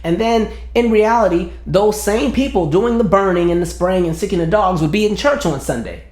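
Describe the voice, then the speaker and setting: A man's voice: high voice, normal speed, a little mellow, reverberant. A man giving an earnest opinion monologue as a commentary vlogger, building his argument point by point and sometimes acting out quoted voices.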